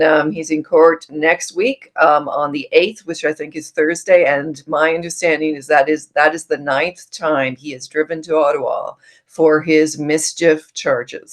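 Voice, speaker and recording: A middle-aged Canadian woman with a deep voice, a former journalist now appearing as a guest author, speaks earnestly in a casual podcast conversation, saying um a lot.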